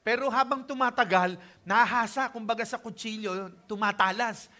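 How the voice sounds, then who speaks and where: A man's voice: high-pitched, normal speed, pushed and bright. An older man from the Philippines preaching a conversational sermon as pastor, keeping the talk chatty and checking in with the congregation.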